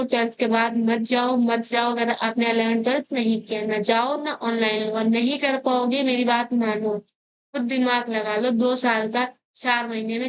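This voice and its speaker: A woman's voice: on the high side, a little hiss or hum. Blunt young woman scolding students. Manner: blunt, scolding, repeats warnings. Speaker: education vlogger. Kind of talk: direct advice to students.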